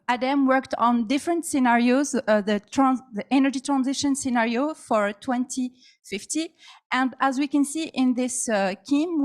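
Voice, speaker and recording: A woman giving a technical conference presentation, hesitant, with frequent fillers. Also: sits high. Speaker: conference speaker.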